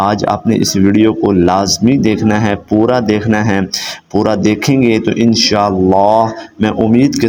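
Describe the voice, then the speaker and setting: A man teaching prayer recitation, explaining quickly and then spelling out words syllable by syllable in a slow, drawn-out chant. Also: lowish voice, a little mellow, slight background noise. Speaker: religious teacher. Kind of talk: recitation lesson.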